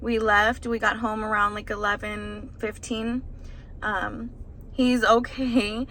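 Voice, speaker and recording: A woman's voice: medium pitch, little pitch movement, slow, pushed and bright, slight background noise, rough recording. A young woman, a new mother, casually telling a vlog story in a rambling, emotional way, still stressed and shaken. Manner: rambling, emotional retelling with many fillers.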